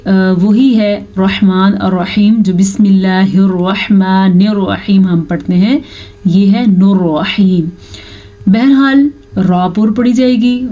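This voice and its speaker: Female tajweed teacher, warm low-key tone, chants slowly then explains briskly. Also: lo-fi sound. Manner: alternates slow drawn-out chanted recitation with brisk spoken explanation. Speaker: Quran recitation teacher. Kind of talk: tajweed lesson, explaining and demonstrating recitation.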